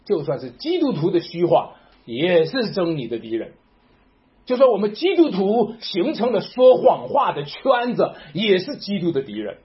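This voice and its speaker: A man's voice: high-pitched, sing-song, moderate pace. A man preaching a sermon, emphatic and repeating rhetorical questions to his congregation. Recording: dull lo-fi recording.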